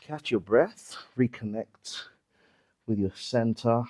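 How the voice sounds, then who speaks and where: A man leading a mat Pilates workout, calmly cueing each movement and counting the reps, somewhat out of breath. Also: medium pitch, takes it slowly. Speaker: Pilates instructor. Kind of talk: guided workout instruction.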